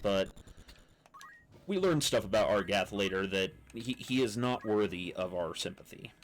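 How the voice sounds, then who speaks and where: Low-voiced man explaining gameplay. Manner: explains strategy and lore at length. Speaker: streamer playing the game. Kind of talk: casual gameplay commentary.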